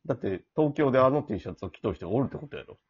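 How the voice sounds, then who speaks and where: Fast, husky, lowish Kansai man. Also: lively intonation, darkish tone, dull audio. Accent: Osaka-area Kansai Japanese. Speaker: radio talk show co-host. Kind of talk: casual two-person banter.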